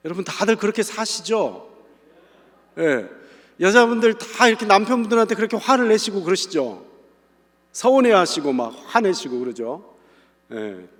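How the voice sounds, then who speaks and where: A male pastor delivers a sermon in a church sanctuary, speaking earnestly and drawing his listeners in with direct questions. His voice sits a little high for a man, and it rings out with the long reverb of the hall. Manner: earnest, conversational preaching with asides to the congregation.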